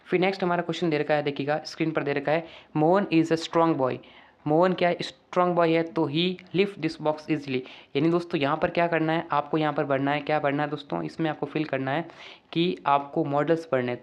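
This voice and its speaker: A man walking students through an exam paper, asking rhetorical questions and reading English sentences out slowly. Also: a little high, steady tone, clean tone, muffled recording. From Rajasthan, India. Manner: keeps asking the class rhetorical questions, calls them friends. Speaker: teacher. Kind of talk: exam paper walkthrough lesson.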